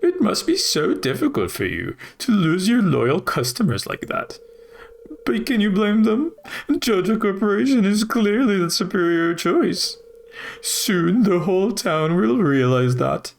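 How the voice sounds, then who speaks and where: A man's voice: high-pitched, sing-song, measured pace, vocal fry, voice pushed up, exaggerated voice. A man voicing an annoying, smug corporate store manager with a put-on British accent in a farming game. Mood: gloating.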